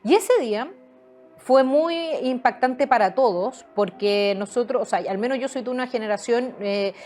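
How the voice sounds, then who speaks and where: Woman guest, higher voice, halting with many fillers, faint music behind. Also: darkish tone. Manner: hesitant, many fillers and restarts. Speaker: guest, author. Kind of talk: conversational interview answers.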